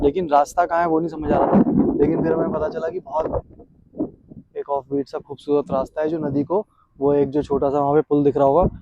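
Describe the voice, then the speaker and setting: Male travel vlogger, slightly high voice, casual joking narration outdoors on a hill walk. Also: warm tone, highs cut off. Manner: chatty, joking, storytelling. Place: outdoors on mountain trails and by a river.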